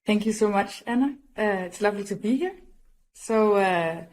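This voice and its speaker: A woman's voice: mid-range voice, lively intonation, normal speed, darkish tone, a little hiss or hum, poor audio. A woman from Denmark, a guest researcher, friendly and storytelling.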